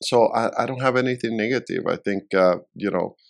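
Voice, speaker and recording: A middle-aged man from Venezuela answering interview questions in a halting way, often repeating words while he searches for them. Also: fairly low pitch, vocal fry. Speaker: real estate developer, guest.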